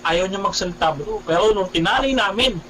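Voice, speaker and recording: High-voiced man, animated radio guest telling his testimony, addresses the host as "bro". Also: a little fast, slight background noise, rough recording. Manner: animated, keeps calling the host "bro", repeats himself.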